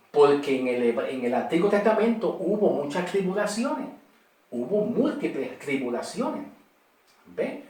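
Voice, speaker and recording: A tired man teaching a Bible study, slowly repeating key words and checking in with "ok?" as he goes. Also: fairly high pitch, darkish tone, roomy sound, far from the mic.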